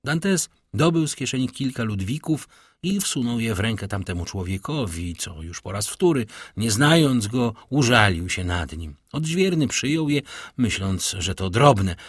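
A man reading a classic novel aloud as an audiobook narrator, in a steady, measured way. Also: fairly low pitch, slightly rough, no echo, studio quality.

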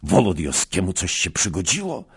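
A man voicing an impetuous adult noble soldier, with emphatic, drawn-out outcries. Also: low voice, very animated, husky, voice pushed up, heavily acted. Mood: alarmed.

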